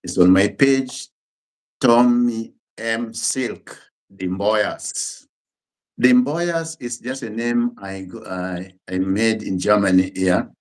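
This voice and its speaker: He's a guest on a casual interview show: a middle-aged Kenyan, Luo-speaking, who works as a musician and pastor. The voice sits a little low, and his talk is plain and unhurried, broken by frequent pauses and restarted phrases.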